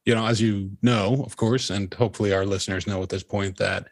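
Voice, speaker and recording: A man's voice: on the low side, steady tone, fairly quick, slightly rough. A young man from Norway, co-hosting a podcast in casual, earnest chat. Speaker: podcast co-host.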